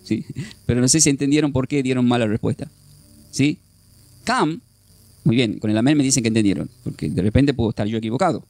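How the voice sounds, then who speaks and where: Male Bible teacher, mid-pitched, close dry sound, explains and checks in with the class. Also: fairly quick, pauses often, a little mellow, no room sound. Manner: explains step by step, often asks the class "¿sí?"; repeats and restarts while thinking aloud.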